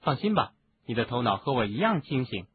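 A man voicing a dreamy, serene teenage girl in an audiobook, speaking softly and airily. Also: mid-range voice, sing-song, fairly quick, lightly acted. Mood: calm. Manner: soft, airy and unbothered. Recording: narrow phone-like sound, faint hiss.

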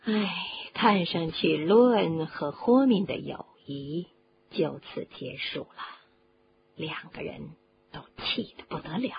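Woman reading a story slow and dramatic, voice swoops all over, kinda dull lo-fi sound. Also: vocal fry, a little hiss or hum. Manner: lively, dramatic reading that drops low for suspense. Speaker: audiobook reader. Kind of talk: expressive storybook narration.

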